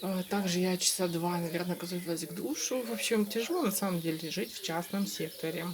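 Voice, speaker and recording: A woman's voice: on the low side, fairly quick. A woman vlogger, chatting casually and confidingly to her followers in a rambling, informal way. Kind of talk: casual vlog chat to followers. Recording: clear background noise, home-made vlog.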